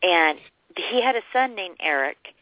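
A woman's voice: on the low side, lively intonation, measured pace. A woman calling in to a show, chatting casually. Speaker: phone-in caller. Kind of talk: casual chat. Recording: dry narrow telephone line.

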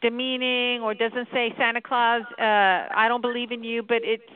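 A middle-aged woman from the US Virgin Islands speaking as an interview guest over a landline phone, explaining things in a measured way. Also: a little high, level tone, clear, resonant tone. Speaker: guest, children's author and lawyer. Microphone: landline telephone. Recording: narrowband landline phone line.

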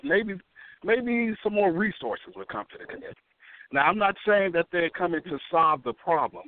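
A man calling into a sports talk show over the phone, rambling and repeating words as he searches for his point. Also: on the high side. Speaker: caller. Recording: tinny dry phone line.

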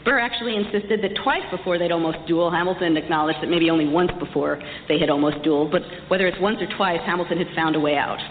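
A woman delivers a prepared history lecture, articulate and emphatic with a lightly wry touch, in a fairly low voice at a quick pace with hardly any pauses. She's in a large, reverberant hall, and the recording is echoey and muffled, with some background noise.

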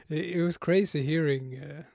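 A man hosts a podcast in a relaxed, easygoing chat. He laughs easily and answers with short agreeing replies. His fairly high voice is recorded dry and close to the mic. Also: creaky, no room sound. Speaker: podcast host. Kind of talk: casual podcast conversation.

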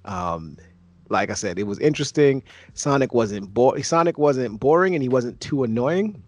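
Podcast co-host, male, thirties, easygoing rambling reviewer, mid-pitched, dry mic. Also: lively intonation, moderate pace, no echo. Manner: rambling, self-correcting. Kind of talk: casual movie review chat.

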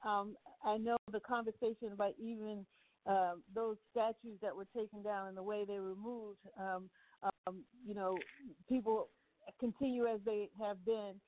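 Older woman caller, earnest and encouraging, mid-pitched, tinny phone sound. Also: steady tone, moderate pace. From Virginia. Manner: earnest, encouraging, full of fillers. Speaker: call-in guest. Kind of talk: radio call-in chat. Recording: phone-line call.

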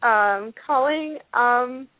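Woman calling in on speakerphone, tinny phone sound, lots of ums, unsure. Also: high voice. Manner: hesitant, pauses with many fillers. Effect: calling in on a speakerphone over a phone line. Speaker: caller. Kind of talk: call-in radio chat. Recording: tinny narrow phone line.

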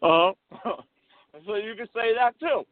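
Over a tinny phone line, a man with a high, unhurried voice gives a friend crude advice in casual chat. He's profane and mock-tough, acting out the lines he suggests.

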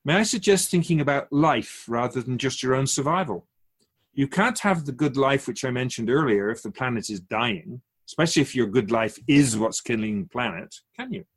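In a radio drama, a man plays a wise, otherworldly keeper of souls who counsels humanity like a patient teacher. His middle-pitched, slightly husky voice is measured, formal and expressive, admonishing patiently with didactic rhetorical questions.

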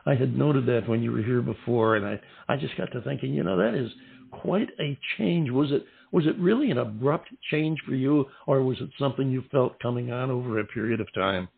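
Interviewing a musician on a phone line, a radio show host who has lived in Southern California keeps things formal and courteous, asking long, rambling questions. His medium-pitched voice is husky with vocal fry, and he speaks fairly quickly. It sounds tinny, like a phone.

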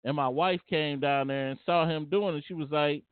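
A man's voice: fairly high pitch, steady tone, moderate pace, smooth, no room sound. A man telling a personal story casually and earnestly, often repeating and restarting his phrases. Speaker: vlogger. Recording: tinny phone-like dry sound.

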